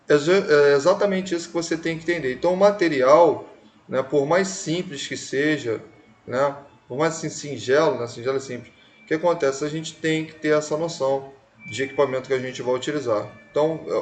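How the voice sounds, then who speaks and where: A male nursing teacher, lecturing a class in a conversational, emphatic way that leans on tag questions. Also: a little high.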